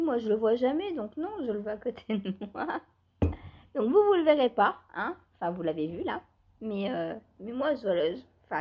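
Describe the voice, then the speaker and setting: A woman's voice: mid-range voice, slightly rough, dull audio. A woman vlogger chatting casually and rambling a little, laughing often while she talks. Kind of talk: casual chat while knitting.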